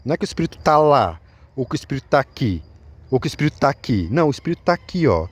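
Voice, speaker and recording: A man's voice: mid-range voice, big pitch swings, rapid-fire, slightly rough. Brazilian guy ranting to his viewers, lots of repeats, voice jumps up and down a lot. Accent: Brazilian Portuguese. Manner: repetitive, insistent, speaks straight to listeners. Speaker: vlogger. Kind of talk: first-person spoken account to viewers.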